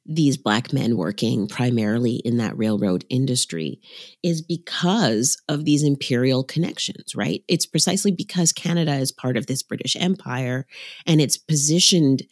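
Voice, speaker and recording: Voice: medium pitch, moderate pace, dry recording, studio quality. A historian explaining a topic fluently and analytically, often checking in with "right?". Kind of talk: expert interview commentary.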